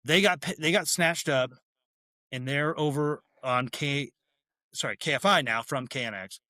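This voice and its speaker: A man's voice: fairly high pitch, sharp tone, dry recording. A man, a brewery head brewer and former radio DJ, chatting casually in an interview, rambling and correcting himself as he goes. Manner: rambling, self-correcting, quick laughs.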